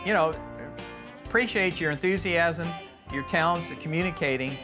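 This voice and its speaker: A man's voice: a little high, moderate pace. A man, an association president speaking conversationally. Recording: music behind the voice.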